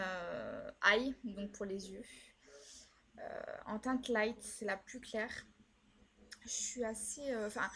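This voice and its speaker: A young woman chatting casually as a vlogger reviewing her makeup purchases, filling her talk with hesitations. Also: medium pitch. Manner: chatty, many fillers and "voilà". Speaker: beauty vlogger.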